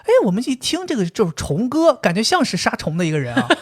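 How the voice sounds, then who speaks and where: A man co-hosting a casual podcast, telling a story in an animated way and laughing often. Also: high-pitched, fast, breathy edge. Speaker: podcast co-host.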